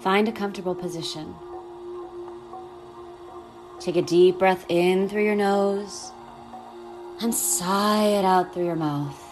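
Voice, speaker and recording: A woman guiding a meditation in a soft, soothing manner, speaking slowly and gently. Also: mid-range voice, music in the background. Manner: soft, slow, soothing delivery. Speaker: podcast host and meditation guide. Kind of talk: guided meditation.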